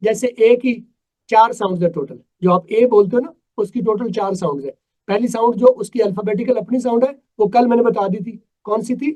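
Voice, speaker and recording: A man's voice: high voice, a little fast, warm tone, rough recording. A man from Pakistan teaching an English class over a video call, emphatic and quizzing his students. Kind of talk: live online class.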